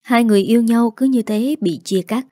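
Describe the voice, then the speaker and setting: A woman narrates a story in a calm, steady manner. Her voice is warm and mellow, recorded dry and close with no room sound. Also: on the high side, a little fast, no room sound.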